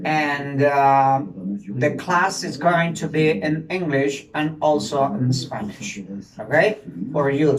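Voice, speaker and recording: Man, teacher, slow and patient, repeats words, echoey room, distant mic. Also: fairly high pitch. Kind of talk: bilingual grammar lesson.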